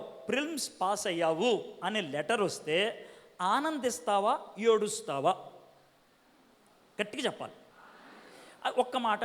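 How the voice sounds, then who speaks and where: A man's voice: high-pitched, a bit bright. A man evangelist answering young people's questions at a conference, preaching with rhetorical questions, pressing the audience for answers, and dropping English words into his talk. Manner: mixes English words into speech. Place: conference hall. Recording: long hall reverb.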